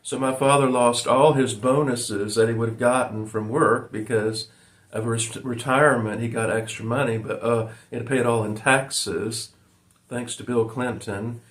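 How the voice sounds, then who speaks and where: A man's voice: mid-range voice, fairly even intonation, moderate pace. A man in his forties from Virginia, talking to his viewers in a meandering way, full of ums and uhs, and often calling them "folks". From Virginia, USA. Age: 40s. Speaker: vlogger. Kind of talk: rambling personal monologue to viewers.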